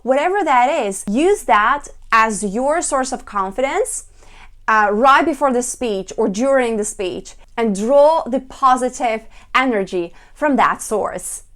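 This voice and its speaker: Woman speaking coach doing a lesson, kinda high voice, clear n emphatic like a speech demo. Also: animated, unhurried, fairly bright tone. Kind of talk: instructional presentation to camera.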